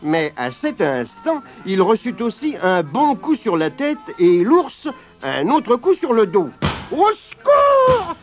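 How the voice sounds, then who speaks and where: A man reading a children's story aloud in an expressive, animated way. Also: high voice, measured pace, faint music behind.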